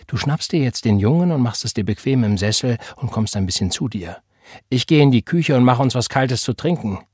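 A fierce, outspoken older woman, as a male audiobook reader puts her on, preachy and emphatic, her husky voice pitched up and pushed loud. She sounds close and dry, with no room around her. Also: animated, a little fast, no echo. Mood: bossy. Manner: preachy, emphatic, invokes the Lord. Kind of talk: audiobook character voice.

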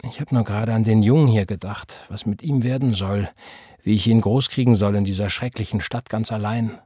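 Man playing a young woman, troubled mother, hesitant, pleading, husky, dry close sound. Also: on the low side, brisk, dark tone, no echo. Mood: subdued. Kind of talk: audiobook character voice.

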